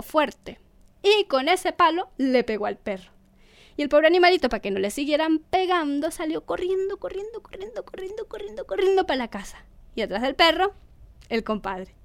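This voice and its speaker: A woman's voice: high voice, big pitch swings, normal speed. A woman telling a folk tale expressively, repeating words for rhythm. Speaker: storyteller.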